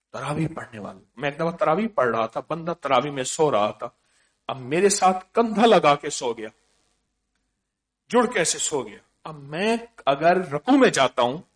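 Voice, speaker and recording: A man giving a sermon full of anecdotes, repeating phrases for emphasis and swinging from loud stresses to hushed murmurs. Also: on the high side. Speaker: religious speaker.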